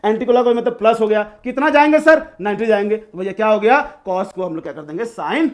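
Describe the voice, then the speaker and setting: A man's voice: sits high, fast talker. A man teaching a live online class, coaxing and repetitive, freely mixing English phrases into his explanations. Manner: coaxing, repetitive, mixes English phrases, calls students "beta". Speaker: online tutor.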